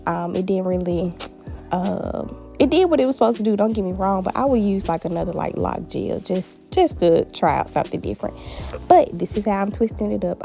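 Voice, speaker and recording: With a mid-range voice marked by vocal fry, a woman vlogs a hair tutorial at a family home. She keeps it chatty and playful, speaking right to her viewers with an animated "honey" and "baby".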